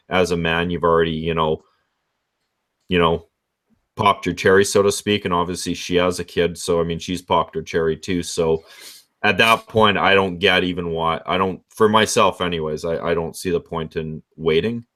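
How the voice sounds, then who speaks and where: Guy with a low voice just rambling thru a story, chatty and frank. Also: steady tone, normal speed, fairly bright tone. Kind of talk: casual chat, storytelling.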